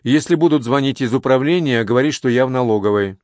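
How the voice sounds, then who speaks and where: A harsh middle-aged woman director barks curt threats in an audiobook reading, as a male narrator puts her on. The sound is dry and close, at a plain middle pitch. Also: quick pace, a little mellow, dry recording, lightly acted. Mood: barking.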